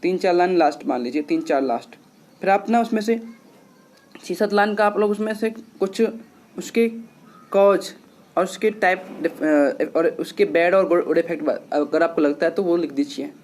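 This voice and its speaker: At a moderate pace, an English teacher with a high, gently mellow voice walks his students through a lesson. He explains patiently, repeats a lot, and treats them as children when addressing them.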